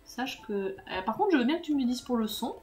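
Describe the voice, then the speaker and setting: A woman's voice: fairly high pitch, expressive, fairly quick, darkish tone. A woman chatting casually with her viewers while live-streaming a game, self-mocking and laughing at her own mistakes. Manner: self-mocking, talks to chat, laughs often.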